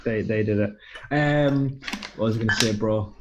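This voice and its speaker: A man's voice: on the low side, normal speed, highs cut off, noisy background. A young man co-hosting a casual online chat in a laid-back, slangy way over a video call. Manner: laid-back, slangy, says bro and dude. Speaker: co-host.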